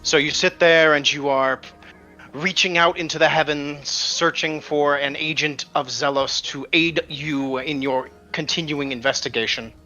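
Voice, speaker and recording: Bright-voiced male game master. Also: a little high, fairly even intonation, dull audio, faint music behind. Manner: measured storytelling narration. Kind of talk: narrating a tabletop game.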